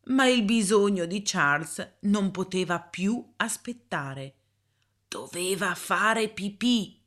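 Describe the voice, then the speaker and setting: A woman reading a story aloud in a calm, measured way. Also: medium pitch. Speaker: narrator.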